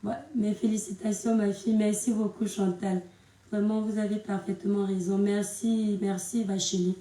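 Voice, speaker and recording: Woman vlogger, chatty and animated, mellow tone, roomy off-mic phone sound. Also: medium pitch, moderate pace, distant mic. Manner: chatty and animated, addresses viewers as her stars; speaks softly at times so as not to disturb her husband. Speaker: social media vlogger. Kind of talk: casual live video chat with followers. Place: bedroom at home, indoors. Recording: roomy echo, voice a bit off-mic.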